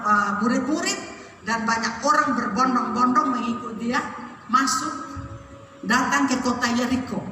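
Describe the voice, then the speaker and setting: A woman's voice: high-pitched, pushed and bright. A woman with a Kupang accent preaching a sermon and telling a scripture story with asides to the congregation. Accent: Kupang Malay. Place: church hall. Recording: echoey church hall from far off with faint noise.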